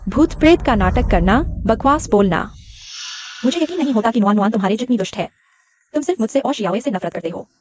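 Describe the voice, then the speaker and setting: A woman's voice: fairly high pitch, expressive, fast talker, a little mellow, a little hiss or hum, lightly acted. A woman voicing a scheming mistress who accuses and scorns the wife in a dubbed drama. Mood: scornful. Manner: accusing, urgent. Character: scheming mistress defending her son. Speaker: dubbed actress. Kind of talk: Hindi drama dubbing.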